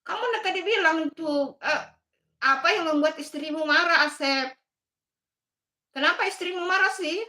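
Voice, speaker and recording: A woman in her fifties with a Makassar Indonesian accent hosts a casual phone livestream from her bedroom. Her voice sits high and sounds bright and forward. She reads out viewer comments in a chatty, motherly way and often laughs between remarks. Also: moderate pace, long pauses. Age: 50s. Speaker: livestream host. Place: bedroom at home.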